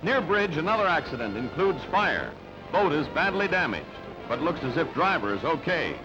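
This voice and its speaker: Slightly high and sing-song, a man's voice reads newsreel narration at a moderate pace, using clipped, dramatic announcer phrasing. The dull, band-limited newsreel sound carries loud background music.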